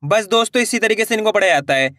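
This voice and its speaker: A man teaching Hindi reading, sounding out each syllable slowly before joining it into the full word, and encouraging viewers as friends. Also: high-pitched, expressive, sharp tone, no echo, clean studio sound. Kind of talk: slow syllable-by-syllable reading lesson.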